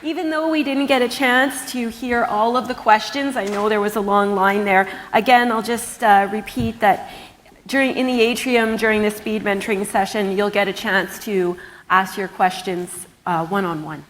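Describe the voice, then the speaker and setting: A woman emceeing a conference, briskly announcing and introducing the next speaker. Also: medium pitch, steady tone. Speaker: event emcee. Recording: hall reverb with audience.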